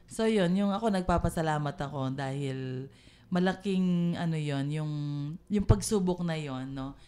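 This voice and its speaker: Low voiced filipina lady, halting faith testimony, lots of fillers. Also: dark tone. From Philippines. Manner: halting, many fillers, laughs often. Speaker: church member sharing testimony. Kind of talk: casual faith sharing.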